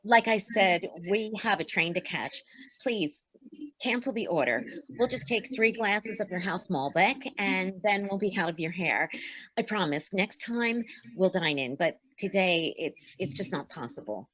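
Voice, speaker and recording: A woman's voice: medium pitch, lively intonation, unhurried, a bit bright. An actress playing a fretful young woman who is anxious to get home to her parents, in an amateur stage play. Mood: polite.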